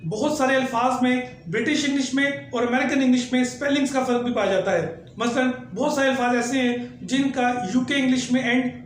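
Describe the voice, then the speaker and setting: A man giving an explanatory lesson, spelling out examples slowly and deliberately. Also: very high voice, fairly even intonation. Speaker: teacher. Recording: very echoey room, faint background noise.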